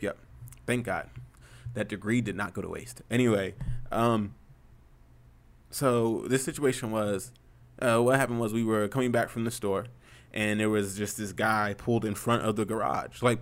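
A man's voice: on the low side, moderate pace. Profane rambling young man. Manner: profane, rambling, gets heated retelling. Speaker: streamer. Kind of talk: casual storytelling chat.

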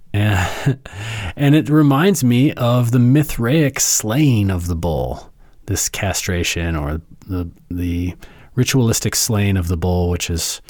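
A man's voice: fairly low pitch, a little mellow, dry recording, studio quality. A man teaching herbalism in a casual lecture, rambling enthusiastically through myths with many fillers. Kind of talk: casual lecture with myth retelling.

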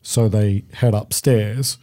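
A man's voice: lowish voice, steady tone, takes it slowly, mellow. A man co-hosting a podcast, recapping a film in casual chat with dry jokes and frequent chuckles. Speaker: podcast co-host. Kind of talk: casual movie-review chat.

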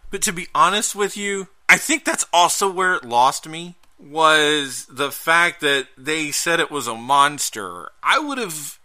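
A man with a very bright, forceful voice in casual chat, animated and quick to talk over his co-host. He restarts sentences as he goes, in plain conversational delivery. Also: fairly high pitch. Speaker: podcast co-host.

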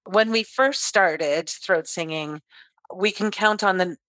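A middle-aged woman from Canada, a throat singer chatting as a guest in an interview, lively and quick to laugh. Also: lowish voice, no echo. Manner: lively storyteller, laughs often. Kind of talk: casual interview chat.

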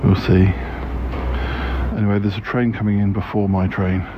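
A man's voice: lowish voice, level tone, moderate pace. A man in his forties giving a casual, hesitant, rambling audio diary as a podcast host. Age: 40s. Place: out and about at a station and on a train. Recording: muffled field recording, loud transport noise. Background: loud station and train noise.

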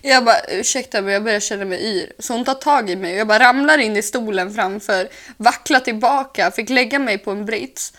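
A young woman co-hosting a podcast in casual chat, animated, acting out dialogue as she tells stories. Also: a little high, few pauses. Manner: animated storyteller, acts out dialogue, swears casually. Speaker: podcast co-host.

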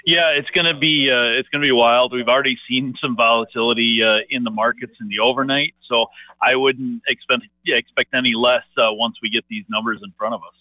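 A man speaking as a market analyst guest over a phone line, halting and full of "uh" fillers and restarts. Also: mid-range voice, steady tone, dry recording. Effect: heard over a phone line. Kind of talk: phone interview on farm markets. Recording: narrow dry phone line.

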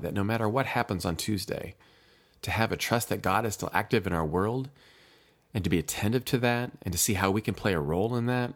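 A man who is a pastor hosting a devotional podcast, speaking gently and reflectively with many pauses. His throat keeps catching, with small coughs here and there. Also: low voice. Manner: gentle, reflective, pausing often.

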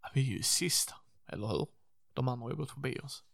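Bright-voiced man telling animated stories. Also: medium pitch, vocal fry, no room sound, clean studio sound. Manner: animated storytelling, lots of swearing. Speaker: role-play game player. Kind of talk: in-character reminiscing chat.

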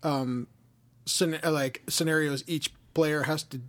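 A man's voice: on the high side, steady tone, a little slow. A man co-hosting a board game podcast in casual chat, easygoing and often trailing off mid-sentence.

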